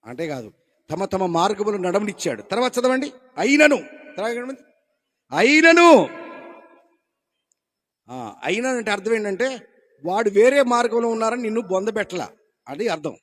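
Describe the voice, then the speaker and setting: A man with a Telugu accent preaching a sermon with fervor, swinging between loud declaiming and low asides and acting out quoted talk. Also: lively intonation, brisk. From India. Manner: acts out quoted dialogue in rustic colloquial voice.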